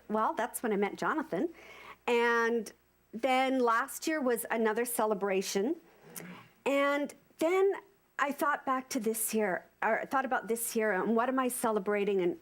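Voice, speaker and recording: A woman in her fifties giving an informal sermon to a congregation, animated and repeating phrases for emphasis. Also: on the high side, measured pace. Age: 50s. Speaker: speaker at a spiritual center service.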